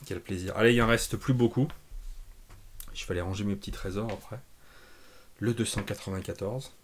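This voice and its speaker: A fairly low-pitched man talks casually as a channel host while unboxing comics. He is excitable, thinks out loud with frequent fillers, and sometimes drops to a hushed whisper when something impresses him. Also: a little fast, slight background noise. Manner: enthusiastic, thinks aloud with many fillers.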